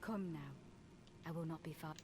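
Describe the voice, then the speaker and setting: A woman's voice: deep voice, fairly even intonation, moderate pace, warm tone, natural voice, poor audio. An actress voicing a solemn, devout woman warrior who speaks in a formal, earnest, old-fashioned way. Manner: formal, earnest, archaic speech. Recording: game audio with clear background noise.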